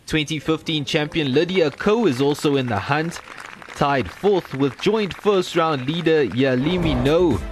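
A man reading scripted sports highlights narration as a voice-over. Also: a little slow, a little hiss or hum.

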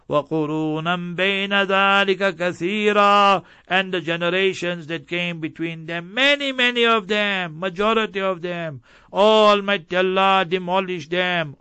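A man's voice: on the high side, sharp tone, clean tone, no room sound, muffled recording. A man teaching a Quran commentary lesson, swiftly chanting each verse before explaining it with emphatic strings of synonyms.

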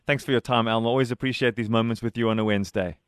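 A man hosting a radio interview, talking in an animated, conversational way. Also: mid-range voice, racing, clean tone, no echo, studio quality. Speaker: radio host.

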